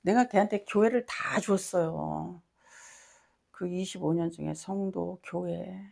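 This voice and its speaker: A woman's voice: on the low side, measured pace, gravelly, a little mellow. A middle-aged woman pastor preaching a sermon with personal testimony, emphatic and often asking her congregation questions.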